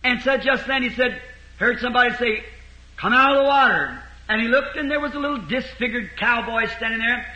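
A man delivers a sermon as a rambling folksy story. His voice sits very high and sounds sharp and bright. The recording is roomy, with echo all around him. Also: normal speed, highs cut off. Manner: folksy, rambling retelling with repeated "he said". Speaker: preacher.

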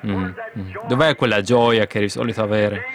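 A man preaching a sermon with fervour, breaking into emphatic outbursts and then dropping to hushed asides. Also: on the low side, fairly even intonation, normal speed, crowd noise.

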